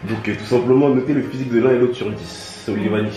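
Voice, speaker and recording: A man moderating a blind date, asking questions in a brisk, probing, dry way. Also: mid-range voice. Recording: echoey room with music behind.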